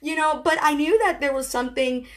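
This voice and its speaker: A woman in her thirties hosts a casual live stream. Her voice sits a little high, and she talks in an encouraging, chatty way, with plenty of fillers and restarts. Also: a little fast. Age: 30s. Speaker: host.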